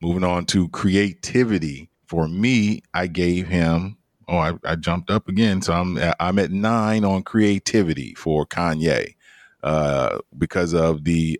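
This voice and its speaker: A man's voice: low voice, no room sound, clean studio sound. A man hosting a casual podcast discussion, calling on each panelist in turn and laughing easily. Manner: laughs easily, steady moderating. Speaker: podcast host.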